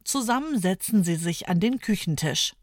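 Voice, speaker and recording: A woman narrating a children's story in a clear, storytelling manner. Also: medium pitch, expressive, normal speed, no echo, studio quality.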